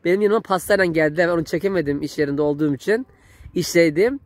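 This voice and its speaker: A man's voice: fairly high pitch, fast talker, no echo. A man in his thirties filming a casual family vlog, chatty and affectionate with the children. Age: 30s. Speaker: vlogger, uncle.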